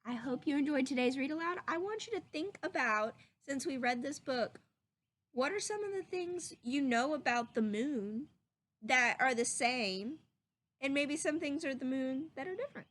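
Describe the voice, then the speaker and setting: Reading a children's picture book aloud, a woman with a voice that sits high takes an animated teacher's approach, lingering on words and stopping to question the kids.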